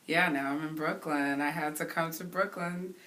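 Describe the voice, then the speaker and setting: A woman in her thirties, a DJ from Haiti, talking earnestly in a casual interview and pausing to find her words. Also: sits low, fairly even intonation, pushed and bright. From Haiti, raised in the Bronx. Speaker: interview guest. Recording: voice somewhat distant from the mic, faint hiss.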